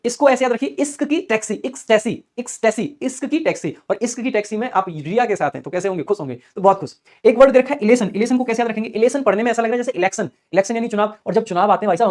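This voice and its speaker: Fast-talking male teacher. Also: very high-pitched, a little mellow. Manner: fast, chatty, repeats key words in chanting rhythm. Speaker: English vocabulary teacher. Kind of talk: exam-prep vocabulary lesson with memory tricks.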